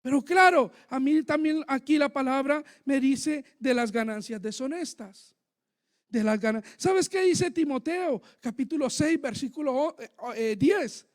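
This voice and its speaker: High-voiced man preaching fervently. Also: measured pace. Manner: fervent, emotional, swings loud and soft. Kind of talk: sermon with personal testimony. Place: church.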